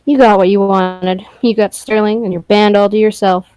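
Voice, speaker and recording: A woman's voice: medium pitch, fairly even intonation, moderate pace, a little mellow, clear, resonant tone, dry recording, lightly acted, low-quality recording. A woman voicing a bitter young male musician in a story game, with clipped, dismissive lines. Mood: cold. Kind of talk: reading a story game aloud.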